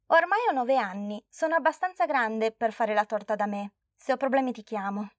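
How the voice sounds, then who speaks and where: A woman's voice: normal speed, no room sound, natural voice. A woman voicing a proud, perfectionist nine-year-old girl who boasts eagerly and turns tearful in a storybook reading. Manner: boastful, high and eager, tearful when she fails.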